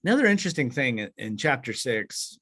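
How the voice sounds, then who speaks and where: A man's voice: mid-range voice, sing-song, a little fast, pushed and bright. A man leading a Bible study over a video call, explaining with many fillers and restarts and asking the group questions.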